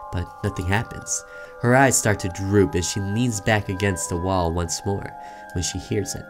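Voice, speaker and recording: A man with a low voice and moderate pace talks with music behind him. As a gaming video host, he reads the game's text aloud during a casual let's-play, chiming in with informal reactions.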